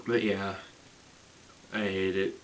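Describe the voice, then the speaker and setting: A young man in his late teens venting in a casual vlog, rambling with lots of fillers and swearing, swinging between loud complaints and quiet mumbling. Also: deep voice, little pitch movement, slow pace, a little hiss or hum, low-quality recording. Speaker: student vlogger.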